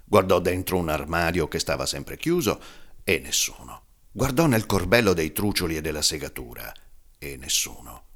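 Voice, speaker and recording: A man reads a children's storybook aloud in an expressive narrating manner. His voice is very low yet swings widely in pitch to carry the tale. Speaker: audiobook narrator. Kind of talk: scripted narration.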